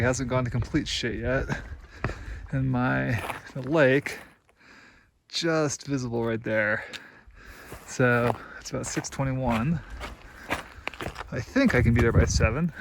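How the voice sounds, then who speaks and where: A man with a mid-range, fry-tinged voice vlogs casually to the camera while backpacking over high mountain passes and boulder fields. He speaks a little slowly with frequent pauses, thinks aloud with a self-deprecating chuckle, and is sometimes out of breath, with a slight hiss or hum in the audio.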